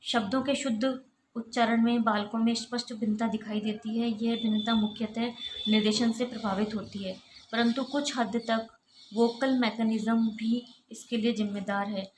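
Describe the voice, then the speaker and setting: Speaking at a moderate pace, this woman has a fairly high voice and an even intonation. She is an assistant professor delivering a recorded college lecture, moving methodically through lists of examples in an echoey room where faint background noise can be heard.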